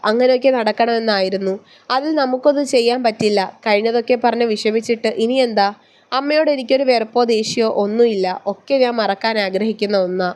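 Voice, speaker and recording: A woman voicing a firm, protective young husband in a read-aloud story, speaking calmly and steadily. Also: a little high, quick pace, close to an everyday voice.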